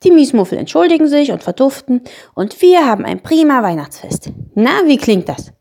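A woman voicing a bold, scheming young girl in a storybook reading, eager and brisk. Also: high-pitched, sing-song, dark tone, pitched above the performer's own voice.

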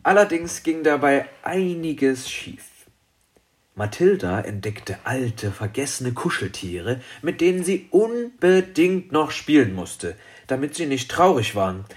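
Expressive male storybook narrator. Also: a little high, a little slow. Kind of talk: children's audiobook narration.

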